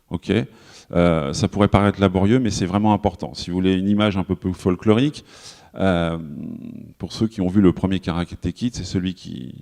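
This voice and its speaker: A man with a French accent speaking at a conference, chatty and full of fillers and quick self-corrections. His voice sits fairly low, and it rings out with the long reverb of a large hall. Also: darkish tone. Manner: conversational, many fillers and self-corrections, addresses the audience directly. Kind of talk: live conference talk.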